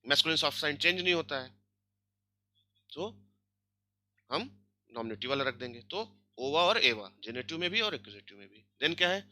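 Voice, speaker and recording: Bright-voiced man teaching grammar. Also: fairly high pitch. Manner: explains step by step, checks in with "ठीक है" and "है ना". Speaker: language teacher. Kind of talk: online grammar lesson.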